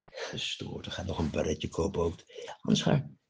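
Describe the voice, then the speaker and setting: A man delivering a rambling, profane rant at a friend, jumping between topics and swinging between low muttering and loud outbursts, often tossing in a questioning "eh?". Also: level tone, normal speed, gravelly, a little hiss or hum.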